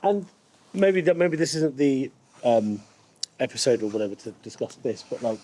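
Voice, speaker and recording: A man from England speaks quietly and asks questions as a guest on an outdoor tour. He stands a little way off the mic, so his voice sounds somewhat distant. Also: mid-range voice, animated, normal speed. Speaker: guest comedian. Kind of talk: casual chat. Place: outdoors at a memorial garden.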